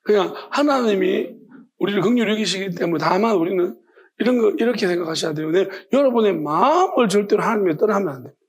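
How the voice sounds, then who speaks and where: A man delivers a church sermon with a husky, breathy edge to his voice. He sits fairly high for a man and tells the story with animation, slipping into the voices of the people he quotes. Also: lively intonation, quick pace. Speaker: pastor.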